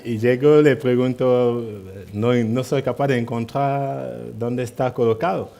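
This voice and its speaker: A man's voice: mid-range voice, fairly even intonation, measured pace, gravelly, mellow, muffled recording. A man speaking at a party assembly, telling anecdotes in a hesitant way, with many tag questions and restarts. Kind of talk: anecdotal public speech. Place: assembly hall.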